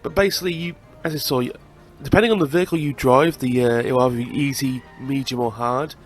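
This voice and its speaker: Faint music plays behind a young British gaming channel host who talks fast with fairly even intonation at medium pitch. He's congested with a cold, chatting casually through a let's-play and swearing occasionally.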